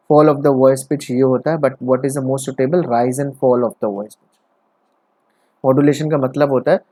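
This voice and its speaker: Man, Indian English accent, teacher, quizzes the class and answers himself, unhurried, dry room. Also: medium pitch, a little mellow, no room sound. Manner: asks the class questions and answers them himself. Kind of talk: exam-prep lesson, mixing English and Hindi.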